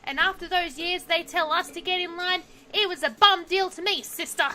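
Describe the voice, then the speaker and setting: A man's voice: very high-pitched, normal speed, sharp tone, a little hiss or hum, pitched above the performer's own voice, heavily acted. A woman voicing a young, angry male taxi driver in a video game, ranting heatedly in a put-on accent.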